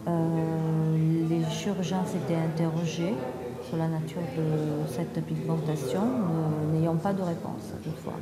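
A middle-aged woman calmly tells her story as a patient, speaking in a measured way with frequent hesitant pauses. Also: sits low. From Italy. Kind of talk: calm conversational testimony. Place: large room with tall windows, seated at a round table. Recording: roomy hall with long reverb and crowd murmur.

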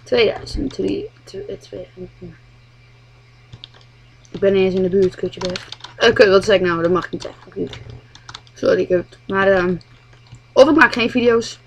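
A woman muttering commentary while playing a game, swearing a lot and often speaking quietly. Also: medium pitch, a little slow, long pauses, a little hiss or hum. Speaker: gamer. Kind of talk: gameplay commentary.

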